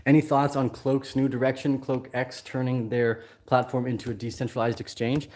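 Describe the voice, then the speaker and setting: Thirties male host, casual livestream Q&A, halting delivery with many fillers, mid-pitched, recorded outdoors on a laptop mic. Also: little pitch movement, darkish tone. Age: 30s. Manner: loose, hesitant, many ums and restarts. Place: outdoors in the jungle.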